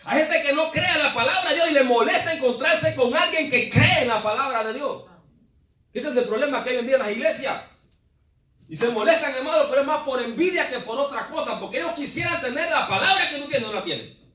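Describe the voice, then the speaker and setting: A man preaching in a church, his high voice ringing through a roomy, echoing sanctuary. He drifts away from the microphone at times, rising to loud cries and then dropping to low asides. The congregation is called brother again and again. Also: brisk, far from the mic. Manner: preaching with swings between loud exclamations and low asides, often saying "hermano". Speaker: pastor. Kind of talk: sermon. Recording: echoey church hall, preacher off the mic.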